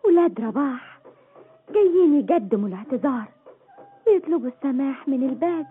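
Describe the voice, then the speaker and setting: A defiant, dreamy young woman. Her voice is very high, in an old radio drama that sounds thin and phone-like. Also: lively intonation, fairly quick. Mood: soft, dreamy. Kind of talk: Arabic radio drama acting.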